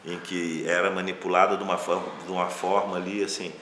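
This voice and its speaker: In an echoey room with faint background noise, a film director with a Brazilian accent chats casually and reflectively in an interview about making his films, adding loosely phrased asides. He talks fairly quickly in a low-pitched, slightly bright voice, with a flat delivery.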